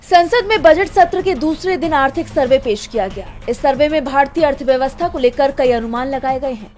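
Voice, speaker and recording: A woman with a high voice reads a scripted news package as its reporter. Faint music plays behind the narration. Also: fairly quick, darkish tone. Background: music bed.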